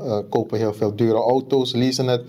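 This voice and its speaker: A man in a relaxed podcast conversation. His voice sits at an ordinary middle pitch. He builds his points slowly and leans heavily on fillers and hesitations. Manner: hesitant, many fillers, explanatory. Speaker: podcast co-host. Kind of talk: casual chat.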